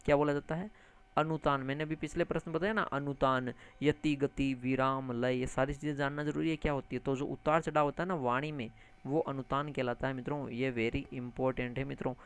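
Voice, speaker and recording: A man teaching an exam-prep lesson, animated, repeating key terms and addressing listeners as friends, with English words mixed into his speech. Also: medium pitch, normal speed, smooth. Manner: mixes English words into lecture.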